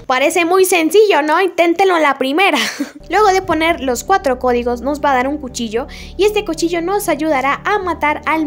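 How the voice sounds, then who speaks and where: A young woman with a high, bright-sounding voice walks through a game's story in a chatty, playful way. She is expressive and talks like a friend. Faint music sits underneath. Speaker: gaming video creator. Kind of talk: casual game story recap. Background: faint background music.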